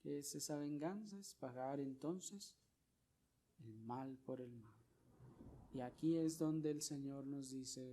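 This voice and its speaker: Slow, emphatic preacher with questions. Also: male voice. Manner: rhetorical questions to the congregation; swings between loud emphasis and quiet low phrases. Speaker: pastor. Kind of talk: sermon.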